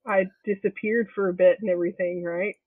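A woman's voice: medium pitch, steady tone, a little fast, husky, dry recording. Woman co-host calling in remotely, tinny and thin over a weak connection, dry sound, loose and chatty. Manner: chatty and rambling, laughs often. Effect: tinny sound over a poor internet connection. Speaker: podcast co-host. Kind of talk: casual chat. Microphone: remote call over home internet.

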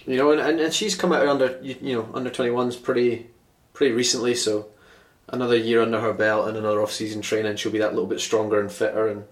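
A man's voice: mid-range voice, little pitch movement, fast, hardly any pauses. A man co-hosting a podcast, chatting casually about sport. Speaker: podcast co-host. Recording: echoey room, distant mic.

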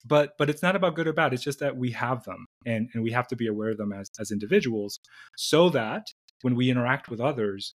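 A middle-aged man, born in the Dominican Republic and raised in New York City, speaks as a guest in a conversational interview. He talks thoughtfully but with many restarts and repeated words, in a mid-range voice at a fairly quick pace.

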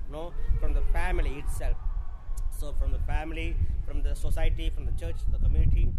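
Halting priest with a highish voice. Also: male voice. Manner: halting, hesitant phrasing. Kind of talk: interview answers. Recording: noisy location with background rumble.

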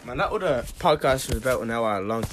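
A man's voice: mid-range voice, expressive, a little fast, over music. A young man co-hosting a casual podcast, blunt and repeating himself. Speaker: podcast co-host.

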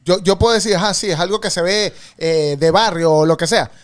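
A man's voice: high-pitched, fairly quick, clean tone. A Venezuelan man in a casual group discussion who speaks emphatically and repeats his points.

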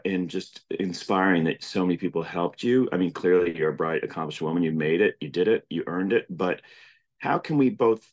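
Deep-voiced man hosting an interview. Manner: earnest, effusive questions with fillers. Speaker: podcast host.

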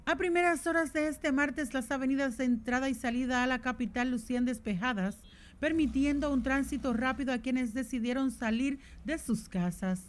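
High-pitched woman reporter. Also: moderate pace. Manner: even, formal reporting voice-over. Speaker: field reporter. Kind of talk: scripted news report.

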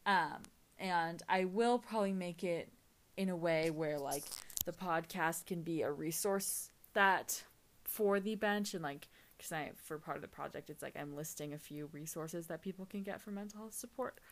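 A woman's voice: on the low side, normal speed. A teenage girl hosting her own podcast, chatting casually and rambling with lots of fillers and restarts, a little tired. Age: teens. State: tired, yawning. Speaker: podcast host. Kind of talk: casual solo podcast chat.

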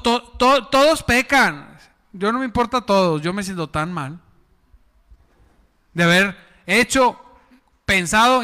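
A man preaching a lively evangelical sermon, emphatic with joking asides. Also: high voice, clear, resonant tone. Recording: echoey church hall.

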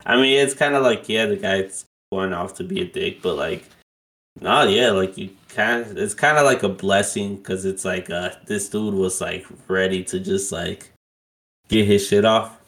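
A man's voice: low-pitched, measured pace, a bit bright. A man in his twenties co-hosting a podcast, chatting casually and rambling with lots of "like" fillers. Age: 20s. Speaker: podcast co-host. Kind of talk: casual chat.

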